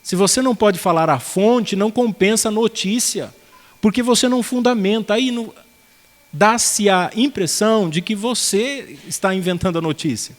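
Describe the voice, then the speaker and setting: A man's voice: high-pitched, normal speed. A man preaching an expository sermon, earnest and conversational, with folksy anecdotes. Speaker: pastor. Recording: long hall reverb.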